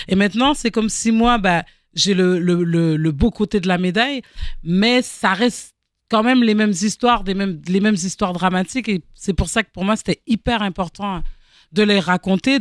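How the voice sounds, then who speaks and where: A woman's voice: mid-range voice, no echo, studio quality. A woman born in Haiti, speaking as a talk-show guest about her theatre work in a thoughtful way, often hesitating and repeating words. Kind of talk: reflective talk-show interview.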